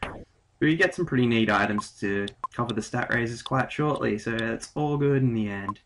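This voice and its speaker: A man's voice: medium pitch, normal speed, a bit bright, slight background noise. Crude joking Australian guy commentating. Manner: casual, crude, joking, puts on British voices for characters. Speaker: let's play commentator. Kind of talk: recorded game commentary, reading dialogue aloud.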